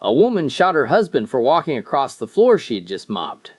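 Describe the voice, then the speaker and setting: A dutiful police officer making a matter-of-fact report , played by a male joke teller. His pitch is lively and the sound is dry. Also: brisk, slightly rough, dry recording.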